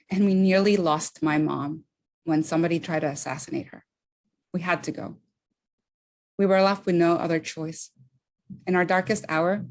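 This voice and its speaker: A woman from Honduras with a lowish voice delivers a prepared speech as an immigration attorney. She speaks earnestly and at a measured pace, slowing down to stress key moments. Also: darkish tone.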